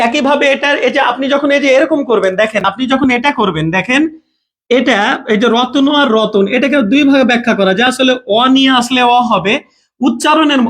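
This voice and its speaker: High-voiced man teaching grammar. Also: fairly bright tone. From Bangladesh. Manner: repeats questions to students, checks understanding often. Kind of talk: live online class.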